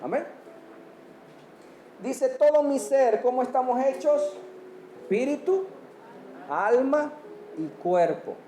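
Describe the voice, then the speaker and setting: High-voiced pastor, echoey hall. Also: male voice, expressive, slow, long pauses, mellow, a little hiss or hum. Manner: asks the congregation questions, punctuates with amen. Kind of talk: sermon. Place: church hall.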